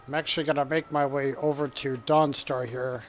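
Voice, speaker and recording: A man's voice: mid-range voice, level tone, a little fast, faint music behind. A man from the United States streaming a game, chatting casually, chuckling and reading comments aloud. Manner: rambling, chuckling, reads chat aloud. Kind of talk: casual live-stream chat while gaming.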